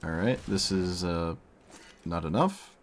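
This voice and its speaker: Deep-voiced man, mid-game commentary. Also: takes it slowly, a little hiss or hum. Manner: thinking aloud, trailing off with "so". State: losing his voice. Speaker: streamer playing a card game. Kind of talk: casual gameplay commentary.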